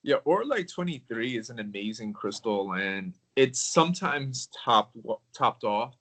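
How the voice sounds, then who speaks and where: A man in casual conversation about crystals, talking in a relaxed, rambling way with many filler words. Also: mid-range voice, measured pace, poor audio. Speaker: crystal collector.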